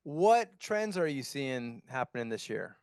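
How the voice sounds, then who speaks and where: A man's voice: medium pitch, big pitch swings, unhurried, darkish tone, clean tone, no room sound. A man hosting a fireside chat, chatty and conversational, asking his guest questions. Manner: conversational, quotes himself. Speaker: host, moderator.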